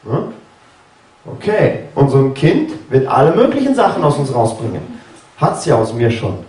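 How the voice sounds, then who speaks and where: Roomy, animated preacher. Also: male voice, moderate pace, distant mic, a little hiss or hum. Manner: conversational, keeps asking "ja?" and "ne?"; acts out biblical dialogue with sudden pitch jumps. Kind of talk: sermon. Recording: roomy, from off-mic.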